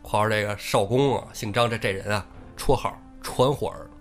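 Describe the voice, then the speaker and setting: A man hosting a comic storytelling podcast, retelling an old tale in lively, colloquial speech. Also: on the low side, normal speed, soft background music. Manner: lively, colloquial, swearing casually.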